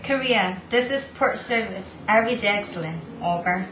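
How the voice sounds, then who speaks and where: Speaking at a moderate pace with a mid-range voice, a woman plays port control on a marine radio call. The scripted maritime role-play has her using clipped, formal radio procedure, recorded in an echoey space over underlying music.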